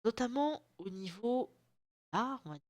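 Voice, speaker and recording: In this home vlog, a thirty-something woman with a fairly high, animated voice jokes at her own expense in casual slang, speaking a little slowly. She's still got a sore throat from a cold and coughs now and then. No room sound is audible.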